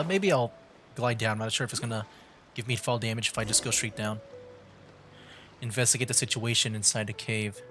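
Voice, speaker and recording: This VTuber gamer has a mid-range, fairly bright voice. On his game livestream, he offers loose, rambling commentary, often saying the same things again as he chats.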